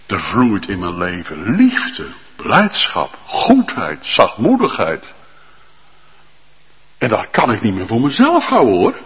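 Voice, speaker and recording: A male pastor preaching a sermon with fervent emphasis and drawn-out, emphatic lists. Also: on the low side, wildly swooping pitch, in a large hall, muffled recording.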